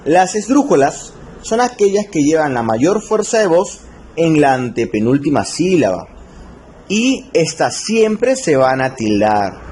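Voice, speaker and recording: A man teaching a recorded spelling lesson, slowing down to stress key rules and checking in with his students. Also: on the high side, sing-song, darkish tone, slight background noise. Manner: slow, stretched emphasis on key rules, frequent check-ins. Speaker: language teacher.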